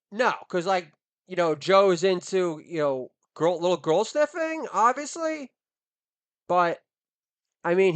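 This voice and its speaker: A middle-aged man, a comedian, delivering a foul-mouthed, indignant rant that swings between muttered asides and shouted outbursts. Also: sits high, clear, resonant tone. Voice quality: swears heavily, rising into indignant shouting. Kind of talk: ranting stand-up monologue.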